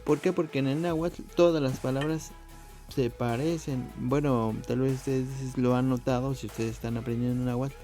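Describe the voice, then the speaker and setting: A man teaching a casual video language lesson, patient and repetitive, calling his viewers friends and slowing down to model pronunciation. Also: medium pitch, fairly even intonation, warm tone, soft background music. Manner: patient, repeats words slowly to model pronunciation; addresses viewers often as friends.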